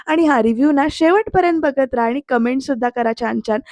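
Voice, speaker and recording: A woman recaps a TV serial episode in a voice-over, retelling scenes with lively energy and speaking straight to her viewers. Her voice sits high and sounds close and dry. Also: fast, dry recording. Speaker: serial reviewer.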